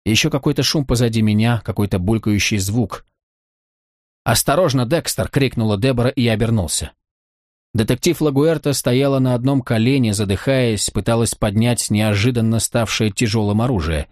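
A man reading a first-person audiobook in a measured, tense storytelling manner. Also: medium pitch, a little mellow, no room sound, studio quality. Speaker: narrator.

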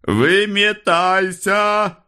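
A man voicing a stone-faced male taxi driver who barks orders in a high, strained shout. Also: lively intonation, slow pace, creaky, full character voice. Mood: furious shouting. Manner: barking commands.

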